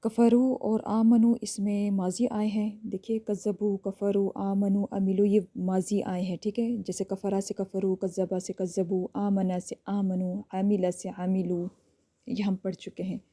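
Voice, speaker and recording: A woman gives a recorded lesson in a very dark, mellow voice. She walks through each point step by step and keeps checking in with a short "okay" before moving on. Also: mid-range voice, little pitch movement. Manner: explains step by step, often checks with a quick "ठीक है". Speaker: teacher.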